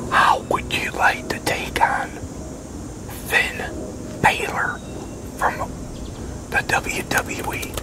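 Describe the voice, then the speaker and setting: In his sixties, a man whispers an ASMR roleplay as a laid-back wrestling promoter, speaking haltingly as though in a one-sided conversation. He sits at a metal picnic table in an open-sided concrete pavilion outdoors.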